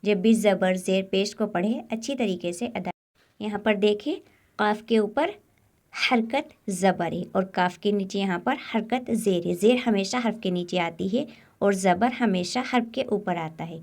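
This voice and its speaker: A woman, teaching a Quran recitation lesson step by step and sounding out syllables slowly. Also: mid-range voice, darkish tone. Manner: slow, drawn-out demonstration of letter sounds.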